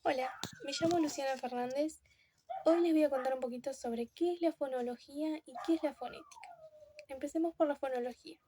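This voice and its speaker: A young woman with a high voice walks through a class lesson. She explains patiently and acts out sounds with her lips. She stops now and then to correct herself. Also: sing-song, quick pace, noisy background. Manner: self-correcting, with fillers. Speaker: student presenter. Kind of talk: classroom video presentation.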